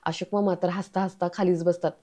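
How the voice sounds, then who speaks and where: Woman recapping a tv serial, chatty, warm and flat delivery, dull lo-fi sound. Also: lowish voice, a little fast. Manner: chatty, addresses viewers as friends. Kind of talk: casual storytelling recap. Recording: slightly dull lo-fi audio.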